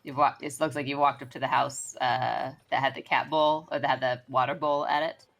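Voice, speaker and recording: A woman's voice: very deep voice, little pitch movement, fairly quick, vocal fry, a bit bright. A woman narrating as game master, chatty and giggly with lots of filler words.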